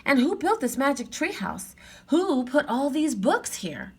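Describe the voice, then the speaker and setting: A woman's voice: high voice, very animated, a little slow, voice pushed up, full character voice. A woman voicing a careful, puzzled young boy with an earnest, questioning way of talking in a children's storybook. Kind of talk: children's storybook read-aloud.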